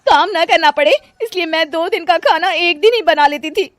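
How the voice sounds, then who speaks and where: Brief: whiny young cartoon woman, high lively pitch, dry sound, woman actor. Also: moderate pace, no room sound. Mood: whining. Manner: whining, groaning. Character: lazy young woman, whiny, now in pain. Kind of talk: cartoon dub acting.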